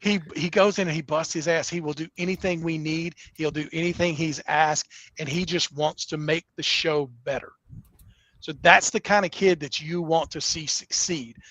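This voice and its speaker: A man's voice: a little high, steady tone, normal speed, a bit bright, no room sound. A middle-aged man, a wrestling promoter, talking earnestly in a casual interview, often restarting his sentences. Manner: earnest, rambling with many restarts.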